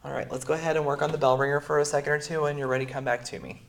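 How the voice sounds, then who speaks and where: A man teaches a math lesson while sick, explaining casually and leaning heavily on fillers. His slightly high voice races along in a level tone, with vocal fry. The classroom recording is echoey, with him far from the mic.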